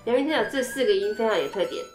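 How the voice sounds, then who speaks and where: A woman's voice: a little high, expressive, rapid-fire, a little mellow. A woman teaching flute technique in a chatty way, breaking down each passage and singing rhythm syllables, with a Taiwanese Mandarin accent. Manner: chatty, explains step by step with sung rhythm syllables. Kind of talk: instrument technique lesson. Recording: echoey room, faint music.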